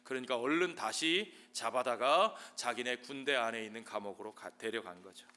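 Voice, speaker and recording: Pastor guy preaching, bright clear voice, acts out the quotes, gets loud then drops quiet. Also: medium pitch, moderate pace. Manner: lively preaching, acts out quoted voices with shouts and hushed lines. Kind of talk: sermon.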